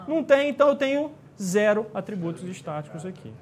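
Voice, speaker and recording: Chatty Rio teacher checking in with the class. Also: male voice, sits high, very animated, fairly quick. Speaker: exam-prep teacher. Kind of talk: live classroom lecture.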